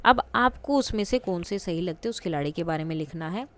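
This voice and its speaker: A woman's voice: lowish voice, lively intonation, fairly quick. A woman teaching a school textbook lesson, explaining patiently step by step with examples and questions to the class.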